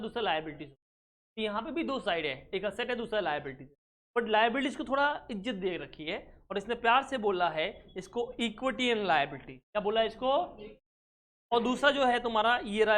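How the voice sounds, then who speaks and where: A man teaching accounting in a recorded exam-prep lecture, who keeps asking his class quick check questions and mixes English terms into his explanation. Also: high-pitched, fairly bright tone.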